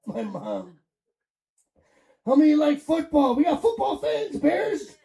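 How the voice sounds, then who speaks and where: A man's voice: very high-pitched, wildly swooping pitch, slow, mellow. A middle-aged man from Chicago doing crude, rambling stand-up comedy with crowd work on a club stage. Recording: echoey club room, mic at a distance.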